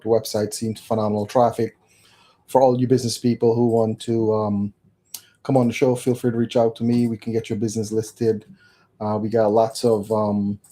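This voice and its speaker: Hosting a live talk show, this man welcomes a guest and delivers announcements in a cheerful way, his speech full of fillers. His voice sits on the low side and sounds warm.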